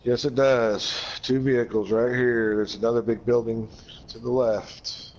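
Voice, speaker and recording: A man's voice: medium pitch, level tone, unhurried, darkish tone, highs cut off. A young man chatting while gaming with friends, laid-back, laughing often and swearing casually. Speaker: gamer playing with friends.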